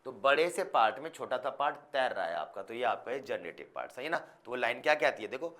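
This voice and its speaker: A man delivers a biology lesson to his students in an easy, explanatory way. He keeps checking whether they are following and slips English scientific terms into his talk. His voice sits at an ordinary middle pitch. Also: big pitch swings, quick pace, a bit bright. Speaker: biology teacher. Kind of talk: classroom lecture.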